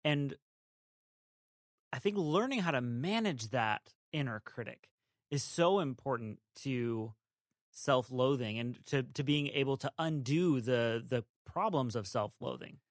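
A man with an ordinary mid-pitched voice co-hosts a faith-based talk show. He sounds thoughtful and affirming, and he moves the conversation along with questions. The recording is close and dry. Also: lively intonation, measured pace, no echo. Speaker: podcast co-host, interviewer.

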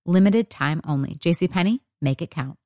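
A woman reading a scripted clothing ad with warm enthusiasm. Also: lowish voice, expressive, moderate pace. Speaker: ad reader. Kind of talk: scripted retail ad read.

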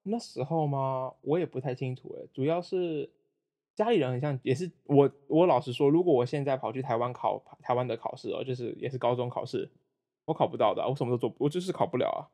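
His voice is mid-range and warm. A former roommate appearing as a guest over a remote call, the young Malaysian man chats casually, wandering through his thoughts with many restarts and a self-deprecating sense of humor.

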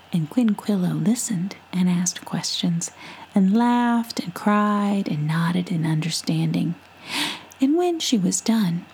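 A woman telling a bedtime folk tale in a soft, unhurried whisper. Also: on the low side, creaky, breathy edge. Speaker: storyteller.

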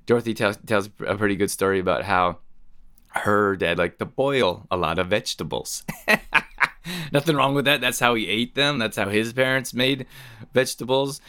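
A man's voice: lowish voice, moderate pace, pushed and bright, no room sound, clean studio sound. A man hosting a podcast, telling rambling, chatty stories and laughing often. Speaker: podcast host. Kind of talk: casual storytelling monologue.

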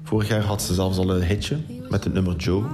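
Low, flat-voiced man over music. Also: fairly quick. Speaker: music ambassador for Belgium. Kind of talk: scripted music recommendation. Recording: music bed underneath.

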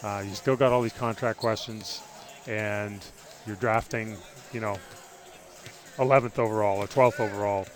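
A man, a sports journalist, giving casual analysis in a halting, thinking-aloud manner. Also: lowish voice, steady tone, faint music behind. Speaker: basketball journalist, guest analyst.

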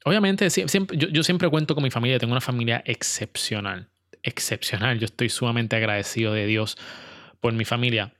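A man's voice: medium pitch, a little fast, a bit bright, dry recording, studio quality. A man talking casually and earnestly to his viewers, with hesitations and restarts. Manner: earnest, with frequent fillers and restarts. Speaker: video creator. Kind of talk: casual personal talk to viewers.

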